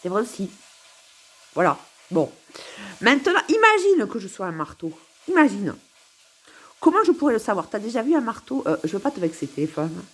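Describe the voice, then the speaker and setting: A woman's voice: medium pitch, sing-song, moderate pace, pauses often, slightly rough. A woman recording a rambling, philosophical monologue to camera at home, musing, giggling and repeating herself. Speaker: vlogger.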